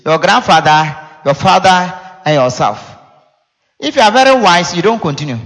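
A Ghanaian man whose first language is Akan (Twi) preaches in a high, fairly bright voice with lively intonation at a moderate pace. His conversational sermon mixes explanation, scripture and storytelling, using rhetorical questions and repeated phrases, in an echoey hall with long reverb.

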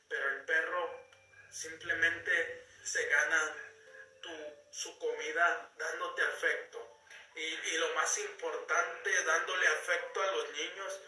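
A man, talking casually about a self-help book in a halting, folksy storytelling way, repeating words as he goes. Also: fairly high pitch, sharp tone. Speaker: book commentator. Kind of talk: casual spoken commentary on a self-help book, reading passages aloud. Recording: echoey room, voice a bit far from mic, faint music behind.

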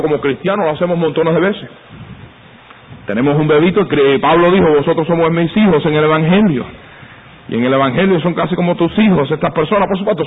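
A man preaching a sermon as pastor in a church, switching into quoted voices and climbing high and loud when he gets animated. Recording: phone-like lo-fi sound, husky.

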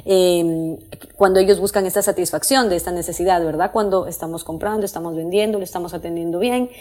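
Warm-voiced woman giving business tips. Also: lowish voice, fairly even intonation, brisk. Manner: conversational, with frequent fillers and tag questions; restarts sentences and corrects herself mid-phrase. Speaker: customer service trainer. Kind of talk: informal teaching talk to viewers.

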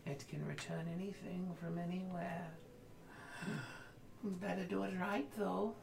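A creepy female fae oracle, as a woman puts her on in whispered role-play, low and gravelly, lingering over each slow, eerie phrase. Her voice rises and falls widely, and the noisy room around it sounds echoey. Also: steady tone. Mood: ominous. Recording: roomy with background noise.

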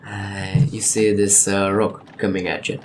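A man narrating a tabletop game as game master, halting with many fillers, laughing often and swearing casually. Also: low voice, level tone, slight background noise.

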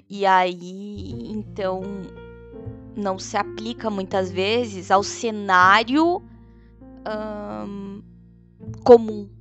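A young woman from Brazil, chatting animatedly with lots of fillers in a solo podcast. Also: medium pitch. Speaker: podcast host. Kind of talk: casual solo podcast chat.

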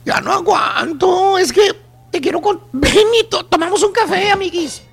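A man's voice: very high-pitched, moderate pace, creaky, a bit bright, full character voice. A man voicing a melodramatic young married woman, confessing to her friend in a whiny, tearful way. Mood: confiding.

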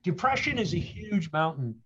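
Earnest high-voiced man, rhetorical questions. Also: big pitch swings, normal speed, fairly bright tone, breathy edge, lo-fi sound. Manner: emphatic, repeats key phrases, asks rhetorical questions. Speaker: guest speaker. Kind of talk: earnest motivational storytelling.

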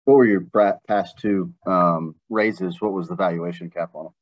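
Slightly dull, dry audio of a man with a lowish voice. He is direct and inquisitive, putting probing business questions to someone in conversation. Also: fairly even intonation, normal speed, no room sound. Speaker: questioner assessing an investment.

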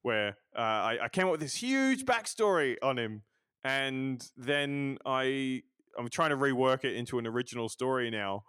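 A man's voice: mid-range voice, moderate pace, a bit bright, clear, resonant tone, dry recording, studio quality. A man hosting a casual podcast interview, often stammering and repeating words as he talks. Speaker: podcast host.

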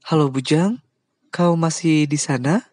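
A man voicing a warm, motherly older woman who speaks gently and grows emotional. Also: a little high, a little slow, no room sound, studio quality, voice pushed up.

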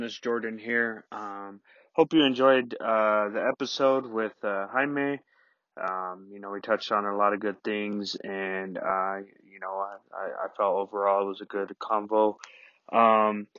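A podcast host recording a halting solo apology inside a closet, full of "you know" fillers and restarts. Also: male voice, fairly low pitch, a bit bright, dry recording, lo-fi sound.

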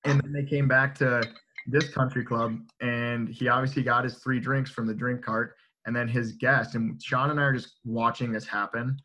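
Young adult man, bright tone, rambling animated storyteller. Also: medium pitch, normal speed. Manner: animated, filler-heavy, checks in with "right?". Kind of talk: casual storytelling among friends.

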